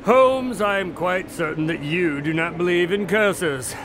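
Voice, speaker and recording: A man's voice: sits high, measured pace, noisy background. A man acting as Dr. Watson, a wry, exasperated companion and storyteller bantering in a radio drama. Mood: lively, wry.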